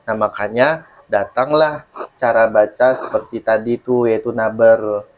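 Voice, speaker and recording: A man's voice: lowish voice, steady tone, measured pace. A man teaching Quran recitation in an online lesson, patiently explaining rules and reciting examples, often checking that the student understands.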